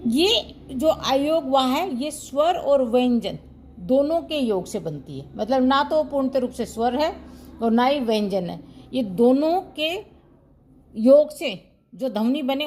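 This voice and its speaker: A woman's voice: sits high, darkish tone. A woman teaching Hindi grammar in an online class. She asks her students questions, answers them herself and repeats the key terms.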